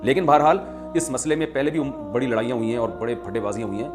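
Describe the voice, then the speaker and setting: A man, an Islamic scholar, calmly explains a point of Quranic pronunciation in a question-and-answer talk, pausing often with fillers. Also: mid-range voice. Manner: explanatory, measured, with many "aa" fillers. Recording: music playing under the voice.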